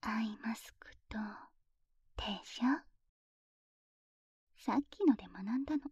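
A woman voicing a playful, teasing young lover in an intimate audio drama, whispering softly close to the microphone. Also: on the high side, expressive, slow, slightly rough, no echo, full character voice. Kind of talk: intimate whispered ASMR roleplay.

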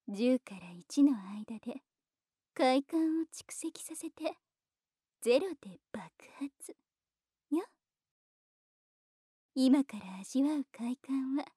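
A woman's voice: high-pitched, breathy edge, no echo, studio quality, exaggerated voice. A woman playing a teasing, commanding mistress. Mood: coaxing. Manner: slow, coaxing, with soft whispers. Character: teasing dominant adult woman, commanding and condescending. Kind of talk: whispered erotic ASMR roleplay.

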